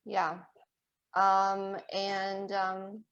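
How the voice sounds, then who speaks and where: A woman in her forties hosting a casual podcast conversation, chatty and quick to laugh. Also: mid-range voice, monotone, a bit bright, dull audio. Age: 40s. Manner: chatty, laughs easily, uses lots of fillers. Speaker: podcast host. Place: home in Maine, US.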